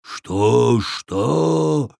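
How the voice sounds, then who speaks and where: A man voicing a huge, forgetful, bewildered male giant in a children's story, booming and slow. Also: lively intonation, creaky, mellow, dry recording, clean studio sound, heavily acted. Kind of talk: storybook character voice.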